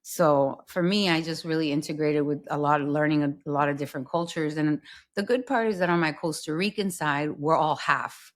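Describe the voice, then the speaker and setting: A woman in her thirties from South Florida, chatting casually as a podcast guest, animated and dropping in Spanish phrases. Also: deep voice, fairly quick. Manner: animated, mixes Spanish phrases, many fillers. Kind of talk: casual interview chat.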